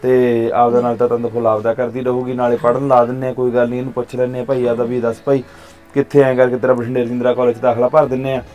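A man, acting as an uncle in a short film, gently consoling and reassuring his niece. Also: mid-range voice, level tone, quick pace, highs cut off, faint music behind. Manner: warm, fatherly consoling. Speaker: uncle by marriage.

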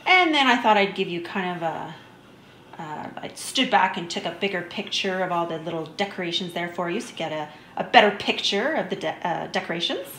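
A woman's voice: lowish voice, lively intonation, a little fast, fairly bright tone, reverberant, slight background noise. A woman narrating a shopping vlog in a chatty, easygoing way, enthusiastic about small finds. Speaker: vlogger. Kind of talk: shop-with-me voice-over narration.

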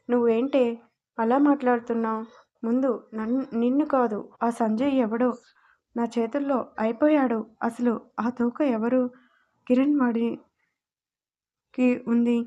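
A woman voicing an outspoken young woman who talks loudly and teasingly in a storybook reading. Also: a little high, muffled recording, close to an everyday voice. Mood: indignant. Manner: loud, teasing.

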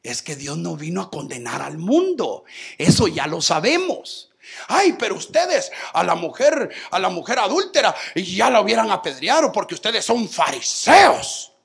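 A male preacher giving a sermon, dropping to low asides and then bursting into shouts, often calling out to his brothers and sisters. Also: very animated, moderate pace, gravelly, slightly rough. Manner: addresses listeners as brothers and sisters.

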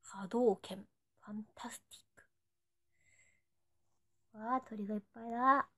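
A woman's voice: a little high, fairly even intonation, a little slow, sharp tone. A playful young woman with a Nagoya accent, chatting on a live stream and saying short cutesy phrases that fans ask for. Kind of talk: casual live stream chat.

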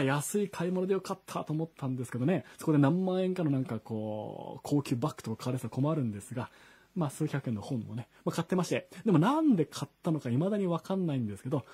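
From his home studio, a singer-songwriter hosts a live stream and chats casually with online viewers, greeting them by name and reading their comments aloud. His voice is slightly high and mellow with a breathy edge.

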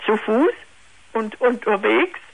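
An older woman calling a radio phone-in over the telephone, talking haltingly with many restarts. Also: a little high, expressive, vocal fry, slightly rough, low-quality recording. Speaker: caller.

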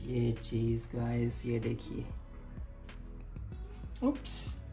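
A man's voice: medium pitch, monotone, extremely slow. Man, cooking vlog host, casual step-by-step explaining, echoey kitchen, music playing behind. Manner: chatty, explains each step to viewers. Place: home kitchen. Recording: echoey room with background music.

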